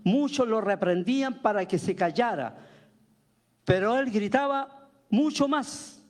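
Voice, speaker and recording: A man's voice: sits high, measured pace, darkish tone. A man preaching a sermon as pastor, firing rhetorical questions at the congregation. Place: church.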